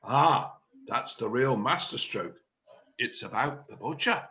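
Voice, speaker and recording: A man's voice: mid-range voice, expressive, slow, pushed and bright. A man playing a pompous scheming drama chairman. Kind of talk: amateur play reading. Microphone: video call.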